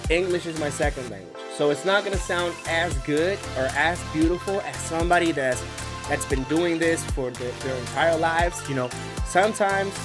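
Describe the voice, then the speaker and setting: This fairly high-pitched man, a native Spanish speaker with the accent to match, offers a relaxed diction lesson to camera in everyday English. He emphasizes words by stretching them and trips up a few times.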